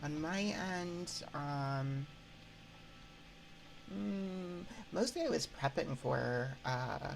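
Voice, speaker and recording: Speaking very slowly in a low, creaky voice with lively intonation, a woman hosts a casual livestream, giggling and rambling hesitantly. A binaural 3Dio ASMR microphone picks her up over background music, with a little hiss or hum.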